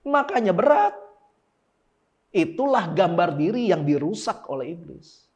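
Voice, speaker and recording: A man preaching a sermon in a lively, casual way, firing off rhetorical questions and slangy asides. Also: high-pitched, measured pace, highs cut off. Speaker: pastor. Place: church service.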